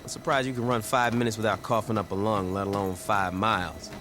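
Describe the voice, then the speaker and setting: An actor playing a cocky, short-tempered street gang boss in a video game, blunt, sarcastic and foul-mouthed. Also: male voice, lowish voice, fairly even intonation, fairly quick, music in the background, close to an everyday voice. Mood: dry, sarcastic. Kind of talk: video game cutscene dialogue.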